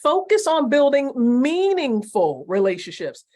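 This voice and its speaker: A woman in her forties teaching network marketing on a live stream, emphatic and repeating her key points slowly while asking viewers questions. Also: high-pitched, sing-song, darkish tone. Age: 40s.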